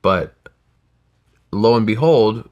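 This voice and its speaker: Speaking slowly and expressively, this man in his forties has a lowish, darkish voice with the highs cut off. Born a Gujarati speaker and based in the United States, he guests on a podcast, recounting his life in a reflective, winding manner and often correcting himself, casual interview storytelling throughout.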